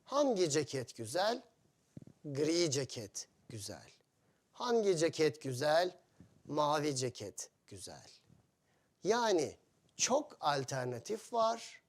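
A man gives a lesson to learners of his language, speaking in short, deliberate phrases. His voice sits a little high and swings widely in pitch, and he talks extremely slowly, repeating each example. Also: very animated. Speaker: Turkish teacher. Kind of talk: slow, simplified teaching of Turkish to foreigners.

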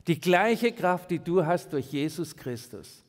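A male pastor delivering an emphatic sermon, swinging between raised and hushed delivery. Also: a little high, animated, measured pace. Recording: long reverb in a large hall.

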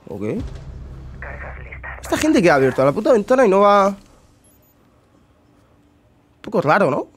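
A young man from Spain with a Spanish accent, commenting on his own game in his bedroom at home, swinging between muttering and excited shouting, and swearing a lot. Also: sits high, a little slow, slight background noise. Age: young adult. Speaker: gamer streamer. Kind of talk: live gameplay commentary.

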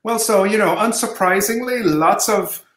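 A middle-aged man from Jamaica, a professor, answering interview questions over a video call with measured storytelling. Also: high voice, a bit bright. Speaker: guest professor. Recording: roomy video-call audio.

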